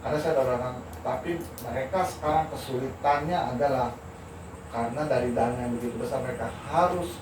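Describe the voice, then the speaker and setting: Older male architect-lecturer, animated candid storyteller; roomy, noisy, distant recording. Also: mid-range voice, fairly quick. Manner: animated, candid, laughs while telling stories. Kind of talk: informal talk with storytelling.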